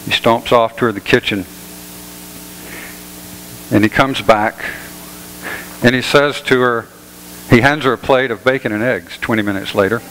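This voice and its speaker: A pastor giving a sermon in a church, telling jokes in an easygoing, folksy way. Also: male voice, medium pitch, fairly even intonation, moderate pace, pauses often, a bit bright, in a large hall, slight background noise, poor audio. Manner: folksy storytelling, easygoing humor. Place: church sanctuary.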